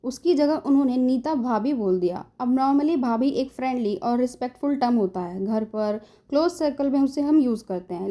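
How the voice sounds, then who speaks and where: Female gossip host: scripted, dramatic build-ups, mixes English into Hindi, addresses fans directly; a higher voice with a mellow, warm tone. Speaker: entertainment gossip channel host. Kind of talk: scripted celebrity gossip narration.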